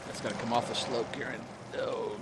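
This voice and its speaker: A man's voice: medium pitch, flat delivery, fairly quick. A man commentating live on golf, following each shot and putt and reacting to how it turns out. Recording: noisy outdoor background.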